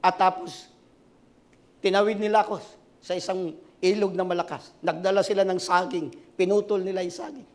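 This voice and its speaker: A man in his sixties preaching a sermon as pastor, swinging from shouted climaxes to quiet asides and asking the congregation for responses. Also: high-pitched, steady tone, moderate pace. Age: 60s.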